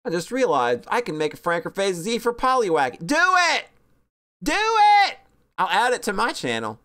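Woman VTuber, casual stream chat, low-ish voice with big pitch swings, bubbly and self-deprecating. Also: big pitch swings, brisk, a bit bright. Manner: bubbly, rambling, self-mocking, with sudden squeaky high bursts. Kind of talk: casual stream chat reviewing fan art.

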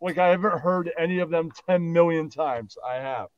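A man's voice: fairly high pitch, normal speed, smooth. Scoffing man on dull lo-fi audio. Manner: scoffing, dismissive. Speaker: podcast guest. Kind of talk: crude joking banter.

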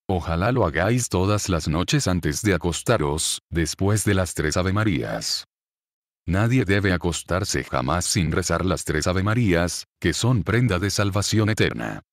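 A man's voice: low-pitched, dry recording, clean studio sound. A man with a Spanish accent, a priest giving a religious talk to an audience and repeating key phrases as he teaches. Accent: Spain.

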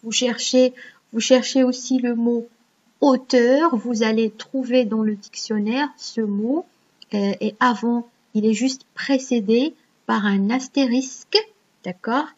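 A woman's voice: on the high side, steady tone, unhurried, a little mellow, dull audio. A woman teaching a grammar lesson online, patiently explaining step by step and checking in with her students. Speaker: French teacher.

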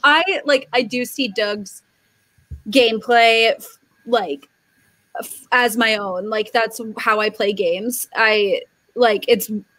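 A woman guest chatting casually on a panel, animated, with many fillers and restarts. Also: fairly high pitch, slow pace, pauses often, no room sound, poor audio. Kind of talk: casual chat.

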